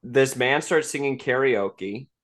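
A man's voice: medium pitch, slow pace. A young man co-hosting a podcast, gleefully retelling movie scenes in casual chat. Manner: animated, gleeful storytelling. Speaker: podcast co-host.

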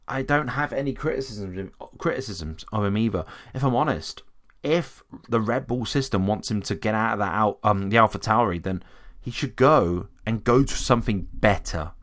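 A man giving casual, opinionated commentary on racing drivers, talking conversationally with frequent restarts. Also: mid-range voice. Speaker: motorsport commentator.

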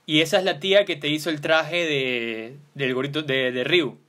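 A man with an Ecuadorian accent hosts a relaxed interview. His voice sits a little high, and his questions are playful and prodding. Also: normal speed. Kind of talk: casual interview chat.

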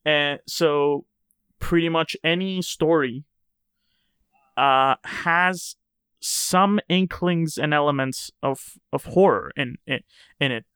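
A man's voice: fairly high pitch, slow, fairly bright tone, smooth, no echo, studio quality. A man talking casually in conversation, musing at length with many fillers. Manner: rambling, filler-heavy, reflective. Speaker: conversation guest.

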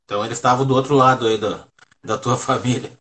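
A man, chatting casually and relaxed as host. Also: mid-range voice, fast. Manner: relaxed, chatty, brief agreements. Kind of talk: casual conversation.

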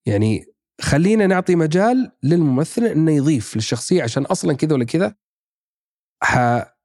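On the high side with big pitch swings, his slightly mellow voice moves a little fast. He's a podcast guest from Saudi Arabia, an actor and writer, casually chatting and thinking aloud with frequent fillers and restarts. The dry recording is studio quality.

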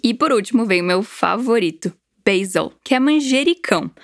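A woman's voice: mid-range voice, animated, moderate pace, no room sound, clean studio sound. A woman from Brazil giving a chatty, encouraging English lesson and explaining the words. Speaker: English teacher. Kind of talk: language lesson.

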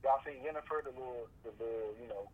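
A man heard through a speakerphone, calling in while sick with the flu. He talks quickly in loose slang, joking and rambling in casual podcast banter. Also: mid-range voice, phone-quality sound. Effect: heard over a speakerphone call.

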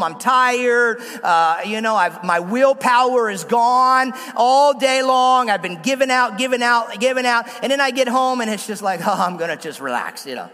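A man preaching a sermon as pastor, animated, joking and speaking directly to the congregation. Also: very high-pitched, big-room sound.

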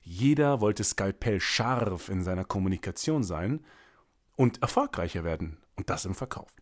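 A man in his thirties talks like a seasoned sales coach, telling an anecdote straight to his audience. His delivery is emphatic and animated, with pointed questions to the listener. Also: sits low, moderate pace. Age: 30s. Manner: emphatic, animated storytelling with direct address. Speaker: sales trainer and business owner.

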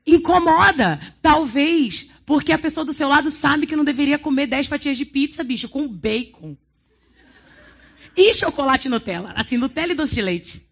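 A woman's voice: sits high, normal speed, muffled recording. A woman preaching a sermon, telling stories with acted-out dialogue. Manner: animated storytelling, acts out dialogue.

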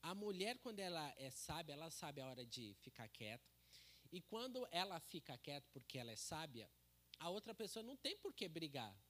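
A man's voice: on the high side, big pitch swings, moderate pace, fairly bright tone. A man giving a casual church sermon into a handheld microphone, chatty and joking, with many tag questions. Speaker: preacher.

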